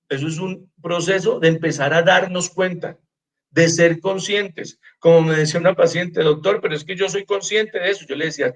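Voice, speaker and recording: A man with a Colombian accent, a doctor giving an informal wellness lecture, telling patient stories and softly acting out their replies, often repeating words as he searches. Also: on the high side, low-quality recording. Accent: Colombian Spanish. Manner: animated storyteller, acts out patients' replies softly.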